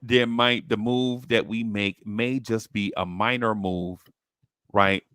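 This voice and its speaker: A man's voice: on the low side, fairly even intonation, slow, fairly bright tone, smooth, no echo, clean studio sound. A man hosting a sports talk show with casual, slangy banter, repeating phrases for emphasis.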